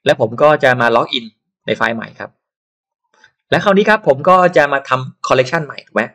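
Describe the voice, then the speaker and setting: A man giving a casual software tutorial who chats and digresses into advice while working. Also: mid-range voice, big pitch swings, normal speed. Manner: chatty, digresses into advice and asides.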